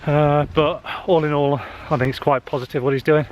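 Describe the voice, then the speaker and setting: A man's voice: a little high, little pitch movement, brisk, lo-fi sound. Chatty man vlogging outdoors. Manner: chatty, with frequent "uh" fillers. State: slightly out of breath walking uphill. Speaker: social media marketing vlogger. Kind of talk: casual walking vlog. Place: outdoors on a wooded hill path. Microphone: handheld camera. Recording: faint outdoor noise.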